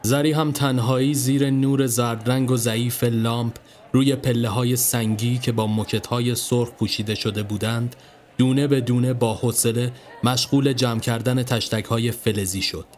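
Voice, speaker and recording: A man narrating a scripted story in a calm, measured way. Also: medium pitch. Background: faint background music.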